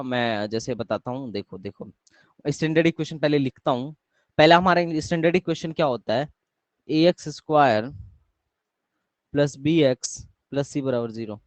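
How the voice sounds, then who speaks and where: A man's voice: a little high, no room sound. A young man teaching math in a live online class, often quizzing his students and repeating his questions. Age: young adult.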